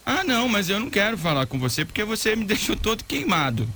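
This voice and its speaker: Radio prank host guy, playful and teasing, bright voice. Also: high voice, quick pace. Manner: playful, teasing, lively banter. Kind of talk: prank phone call on radio.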